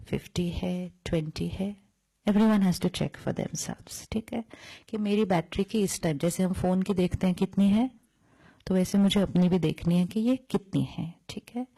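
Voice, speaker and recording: A woman's voice: on the low side, steady tone, measured pace, mellow. A woman giving a spiritual discourse, mixing Hindi and English, explaining with step-by-step analogies and rhetorical questions. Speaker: spiritual speaker.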